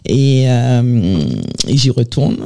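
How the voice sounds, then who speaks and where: Une femme de quarante et quelques années, originaire de Guadeloupe, invitée dans un studio de radio, qui se présente d'un ton vif en riant souvent. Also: female voice, rumbling low, slow, clear, resonant tone. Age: 40s. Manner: lively, laughs often, lists her activities. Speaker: radio guest. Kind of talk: casual radio chat.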